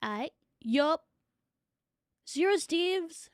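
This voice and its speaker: High-voiced playful woman streamer. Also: lively intonation, extremely slow, dry recording, studio quality. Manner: playful, swearing, chatting with viewers. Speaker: VTuber streamer. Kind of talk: casual livestream chat.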